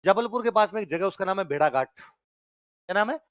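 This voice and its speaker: A male history teacher with a Rajasthani Hindi accent lectures a classroom in a fairly high voice. His tone is smooth and resonant, and the sound is dry and close. He keeps repeating questions for the class to answer back. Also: lively intonation, a little fast, a bit bright, no room sound.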